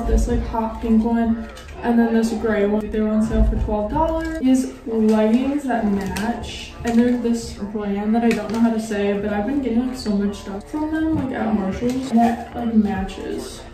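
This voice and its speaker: A young woman in casual vlog chat, talking in a hotel room and saying "like" a lot. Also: on the high side. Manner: chatty, uses "like" often. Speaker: vlogger.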